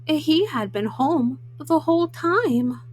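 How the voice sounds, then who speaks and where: Woman reading as slow, high-voiced self-justifying storybook wolf. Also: animated, darkish tone. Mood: self-justifying, matter-of-fact. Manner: halting, with frequent uhs. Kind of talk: storybook read-aloud in first person.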